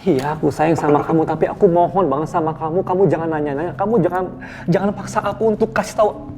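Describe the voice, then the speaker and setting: A man's voice: a little high, fast talker, darkish tone, slight background noise, natural voice. An actor playing a young man who evades his girlfriend's questions, pleading and exasperated, in a TV soap drama. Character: young man Raka, troubled boyfriend, evasive.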